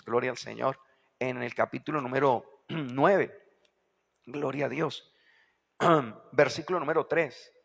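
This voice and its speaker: Male pastor, sermon, fry-tinged voice, leans on "right?" asides and repetition, echoey hall sound. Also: medium pitch. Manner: constant rhetorical questions to the congregation; repeats key phrases with emphasis.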